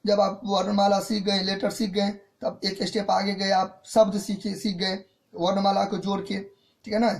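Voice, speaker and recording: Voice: medium pitch, level tone, moderate pace, gravelly. A teacher giving an online grammar lesson, explaining step by step, repeating points and often checking in with the students. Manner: mixes in English terms.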